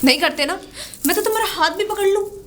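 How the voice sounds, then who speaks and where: Brief: an actress as a taunting, defiant wife, very high and bright voice. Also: female voice, fast talker. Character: defiant neglected young wife. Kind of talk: low-budget Hindi short drama acting.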